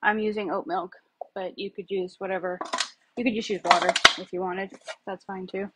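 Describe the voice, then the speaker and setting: A woman in her thirties, a home cook vlogger, chats casually while cooking in her home kitchen, rambling with lots of fillers in a steady, medium-pitched voice at normal speed. It's a casual cooking demo recorded on a phone camera on the counter, with heavy background noise.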